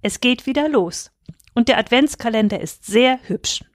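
A woman's voice: on the high side, huge pitch swings, moderate pace, no echo, clean studio sound, pitched above the performer's own voice. A woman voicing a firm, cheerful mother in a storybook reading. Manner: firm, bright.

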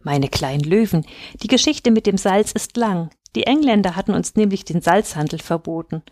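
Woman telling a bedtime story, gentle and measured, dry close sound. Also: medium pitch, no echo.

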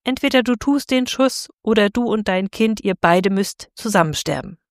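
A woman's voice: mid-range voice, animated, normal speed, no echo, clean studio sound, natural voice. Woman reading as a cruel mocking tyrant bailiff. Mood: harsh. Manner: harsh, mocking.

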